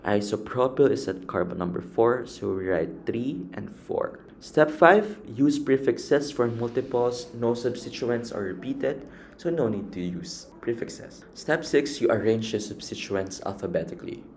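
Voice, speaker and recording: A man's voice: medium pitch, expressive, a little slow, darkish tone, a little hiss or hum. A man patiently explaining a chemistry lesson step by step and counting items aloud. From Philippines. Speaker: chemistry teacher.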